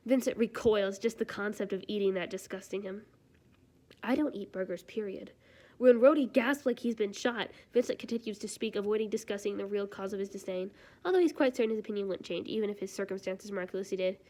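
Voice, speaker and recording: A woman streamer reading fan fiction aloud live, breaking off into chatty, animated reactions. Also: mid-range voice, fast.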